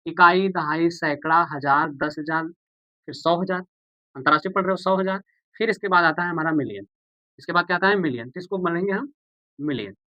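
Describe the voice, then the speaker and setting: A man's voice: on the high side, a little fast, dry recording, highs cut off. Patient man teaching a maths lesson. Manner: patient, repeats steps, calls viewers "beta" and "bhaiya"; asks the class questions, then answers them himself.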